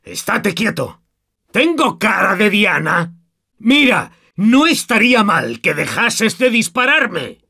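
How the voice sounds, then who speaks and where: A man voicing a gruff, sardonic older war veteran in a video game, swearing often. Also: mid-range voice, fairly bright tone, exaggerated voice. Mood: irritated. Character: gruff old male war veteran survivor. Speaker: game character.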